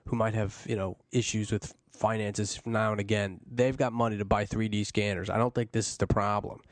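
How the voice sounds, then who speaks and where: A man's voice: on the low side, flat delivery, fairly quick, dry recording. A man hosting a casual talk show, who asks questions and tosses in playful, joking hypotheticals. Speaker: host.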